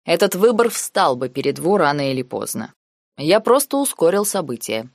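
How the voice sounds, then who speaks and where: A woman reading the lines of a cold, calculating noble uncle in an audiobook, measured and sarcastic. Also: sits low, sing-song, creaky, dry recording, clean studio sound, heavily acted. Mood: cold, lecturing. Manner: measured, lazy, coldly sarcastic.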